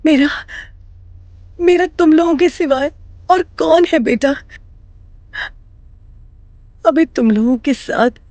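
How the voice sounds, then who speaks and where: A woman's voice: sits high, darkish tone, no echo. An actress playing a lonely, emotional older grandmother who pleads with her family to stay. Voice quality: tearful, pleading.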